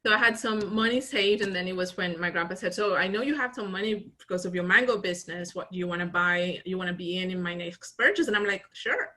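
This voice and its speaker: A woman from Colombia, in her early forties, recounting her path as a business founder in a relaxed interview. Her voice is bright and sits a little low, and she tells her story with animated restarts and easy laughs. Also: fast talker, few pauses. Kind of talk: casual interview conversation.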